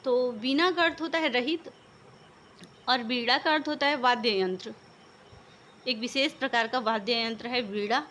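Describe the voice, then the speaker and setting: A woman's voice: on the high side, normal speed, pauses often, a bit bright, a little hiss or hum. A woman teaching a vocabulary lesson, patiently explaining one word after another.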